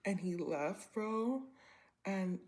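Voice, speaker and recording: A woman in her twenties telling a personal story to camera in a rambling, animated way, full of slang and filler words. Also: mid-range voice, drawn-out words. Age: 20s. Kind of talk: casual storytime vlog.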